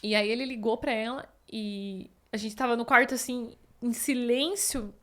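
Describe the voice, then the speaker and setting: A woman's voice: fairly high pitch, fairly even intonation, moderate pace, a bit bright. Chatty woman in her thirties telling her story. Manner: chatty, retells scenes and quotes people, leans on fillers like "assim". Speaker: podcast guest. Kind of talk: personal storytelling in an interview.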